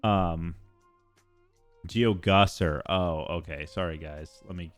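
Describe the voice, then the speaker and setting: Casual rambling young man, low voice. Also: slow, soft background music. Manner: rambling, swears casually, many fillers. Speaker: streamer. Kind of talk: casual chat.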